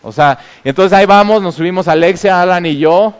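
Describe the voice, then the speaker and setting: A man preaching a sermon as pastor, urging and animated, with exclamations when he tells stories. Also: high voice, brisk, clean tone, long reverb tail, lo-fi sound.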